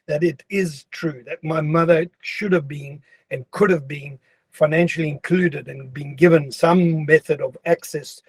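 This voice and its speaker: A man's voice: fairly high pitch, breathy edge, no echo. A man, a company founder giving an earnest interview statement and repeating phrases for emphasis. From Zambia.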